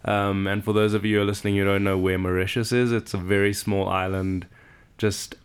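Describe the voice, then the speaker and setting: A man's voice: on the low side, flat delivery, a little fast, smooth. A man from South Africa, a podcast guest chatting casually and laughing easily about his background. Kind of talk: casual chat. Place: cabin.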